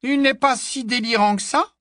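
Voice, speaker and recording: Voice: medium pitch, normal speed, fairly bright tone, dry recording, studio quality, pitched above the performer's own voice, natural voice. A reader doing a scornful, blunt grown man.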